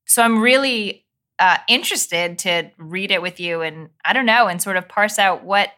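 A woman co-hosts a podcast, first reading a short intro and then slipping into easy banter. Her voice is bright and clear at a middling pitch. She sounds playful and chatty. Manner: playful, chatty, quick to laugh. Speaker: podcast co-host. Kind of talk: scripted intro, then casual chat.

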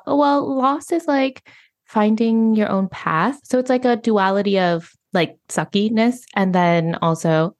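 Brief: young woman podcast host, low-pitched, casual chat, laughs a lot. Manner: chatty, laughs often, many fillers. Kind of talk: casual conversational interview.

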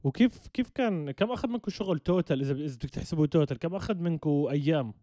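A man's voice: fairly high pitch, racing, warm tone, dry recording, clean studio sound. A man with a Jordanian-Palestinian Levantine Arabic accent, asking casual questions as an interviewer.

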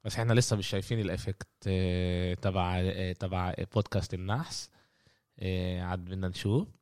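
A man with a Palestinian Arabic accent hosting a casual sports podcast, often halting and searching for words. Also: deep voice, fairly even intonation, a little mellow, clean tone, no room sound, clean studio sound. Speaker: podcast host.

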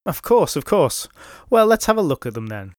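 Man doing a tavern mistress, hearty, bright, raised pitch, storybook, dry recording. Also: sing-song, normal speed, dry recording. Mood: hospitable. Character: hearty middle-aged woman innkeeper, fond of drink.

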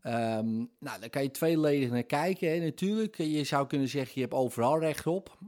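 A man hosting a solo podcast, talking reflectively and candidly, pausing often with fillers as he searches for words. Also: fairly high pitch, expressive, a little mellow. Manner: candid and self-mocking. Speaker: podcast host.

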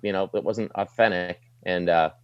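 Low-voiced Maritime Canadian man, plain-spoken. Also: fairly even intonation, moderate pace, clear, resonant tone, no room sound, muffled recording. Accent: light Maritime Canadian. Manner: plain-spoken, informal, slangy. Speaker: sports broadcaster, desk anchor. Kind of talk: casual interview chat.

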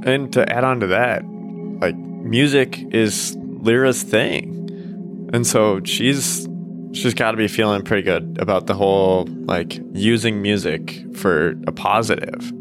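A man playing a tabletop game, describing his character in a thoughtful, halting way. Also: fairly low pitch. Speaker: player. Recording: guitar music under voice.

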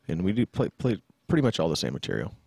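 Very deep-voiced man in his fifties. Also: wildly swooping pitch, quick pace, vocal fry, a little mellow, husky, dry recording. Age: 50s. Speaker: musician and band leader. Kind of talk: casual podcast chat.

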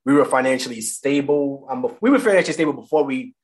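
A new father appearing as a guest chats casually about family money in an expressive, mid-range voice. He talks fast and loosely, correcting himself as he goes.

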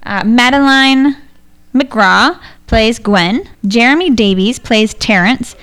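Woman, podcast co-host, giggly, chatty, fairly high voice. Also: takes it slowly, fairly bright tone, clear, resonant tone. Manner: giggly, chatty, reads cast lists. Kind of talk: casual chat.

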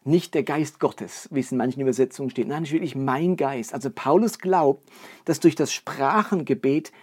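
A man's voice: mid-range voice, a little fast, slightly rough. A man giving a sermon, explaining earnestly and building his points with lists and rhetorical questions. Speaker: preacher. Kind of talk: sermon teaching.

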